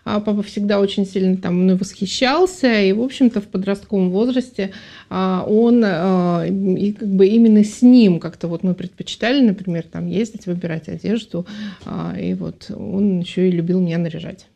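A woman's voice: medium pitch, normal speed, vocal fry, mellow. A woman speaking as an expert guest on a live radio talk show in a studio, thoughtful and hesitant with many filler sounds.

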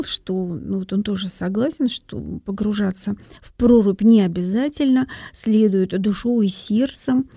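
Female host with a dark, husky, creaky voice. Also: mid-range voice, dry recording, clean studio sound. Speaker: interview host. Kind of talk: conversational interviewing, reading audience messages.

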